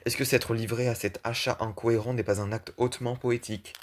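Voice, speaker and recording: A man's voice: mid-range voice, steady tone, a little fast, lightly acted. A man voicing an irritable, blunt middle-aged man in an audiobook reading of a play, talking in a brooding, argumentative way. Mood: prickly.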